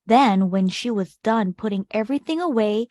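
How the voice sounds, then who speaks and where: A storytime host reads a picture book aloud to children, leaning on key words and adding short asides for her young listeners. Her voice is medium-pitched, expressive and moderately paced, a little mellow, recorded cleanly in a studio with no echo.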